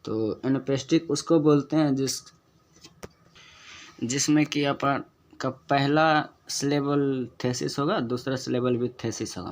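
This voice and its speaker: Speaking in a mid-range voice, a man explains poetic meter gradually, questioning and answering himself. He repeats example words slowly to demonstrate where the stress falls.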